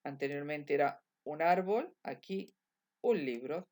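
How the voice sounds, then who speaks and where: Slow, low-voiced woman teaching English. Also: animated, darkish tone. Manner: slow, repetitive drilling of examples. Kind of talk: bilingual grammar lesson.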